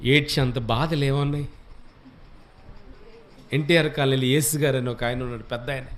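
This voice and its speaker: A man's voice: medium pitch, steady tone, moderate pace. A man with a Telugu accent preaching a sermon in a church hall, exhorting and questioning his congregation. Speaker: pastor.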